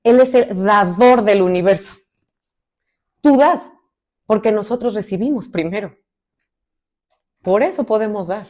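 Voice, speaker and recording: A woman from Mexico preaching a sermon as a minister, expressive, swinging between loud emphasis and soft asides. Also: mid-range voice, measured pace, pauses often.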